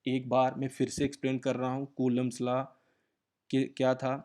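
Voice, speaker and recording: Man, physics lecture, self-quizzing, slow dictation. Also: medium pitch, completely flat delivery, darkish tone. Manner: repetitive quizzing questions, slow dictation of formulas. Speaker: physics teacher. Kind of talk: classroom lecture.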